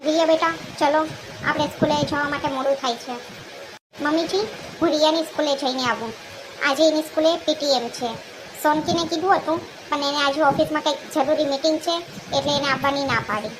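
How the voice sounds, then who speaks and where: A woman voicing a meek, patient young husband in a cartoon, talking in a gentle, pleading way. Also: high-pitched, a little fast, pitched below the performer's own voice, natural voice. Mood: subdued. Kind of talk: cartoon voice acting. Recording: noisy background hiss.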